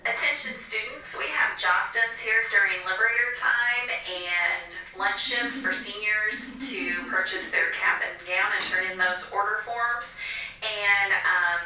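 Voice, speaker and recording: A woman from the school staff reads notices over the school intercom in a businesslike way, with small fillers. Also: mid-range voice. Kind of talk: school announcement. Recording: echoey distant loudspeaker.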